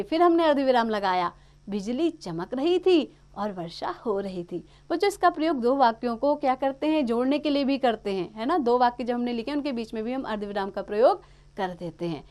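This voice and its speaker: A woman's voice: high-pitched, darkish tone. Patient woman teaching young children. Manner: patient, explaining step by step to children. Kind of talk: Hindi grammar lesson for children.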